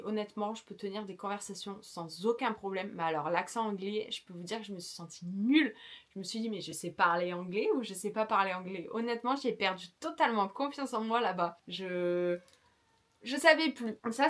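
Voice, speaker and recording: A young woman talks straight to her viewers in a relaxed vlog, frank and enthusiastic, with easy fillers between thoughts. Her voice sits at a middle pitch. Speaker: travel vlogger. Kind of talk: casual vlog advice.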